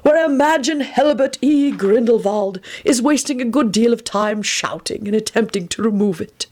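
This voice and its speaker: A woman's voice: fairly high pitch, a little mellow, pitched above the performer's own voice, close to an everyday voice. Dumbledore, an old wizard as a woman reader puts him on. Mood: serene. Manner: slow, lofty and mannered. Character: aged male wizard headmaster, drowsy and whimsical.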